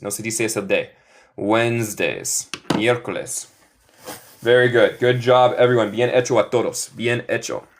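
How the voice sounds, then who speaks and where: A man teaches through in a live online lesson, speaking at a very slow, unhurried pace. His pitch sits in an ordinary middle range. He drills phrases patiently and switches easily between the two languages. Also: fairly even intonation, noisy background. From United States. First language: English. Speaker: English teacher.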